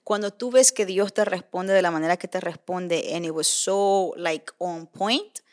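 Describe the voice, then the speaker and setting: A woman co-hosting a podcast, giving blunt advice in casual chat and switching between Spanish and English. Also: lowish voice. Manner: blunt, animated, quick to laugh. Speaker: podcast co-host.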